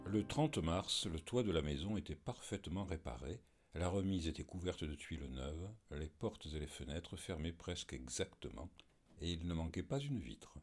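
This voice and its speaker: A man reading a novel aloud as a podcast host, in a measured, steady storytelling way. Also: sits low. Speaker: audiobook reader and podcast host. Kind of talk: scripted narration of a novel.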